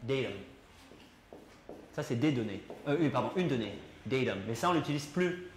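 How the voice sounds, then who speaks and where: Animated and speaking at normal speed, a man with a mid-range voice runs an English class, explaining things conversationally and asking his students questions. The recording carries classroom echo and faint noise.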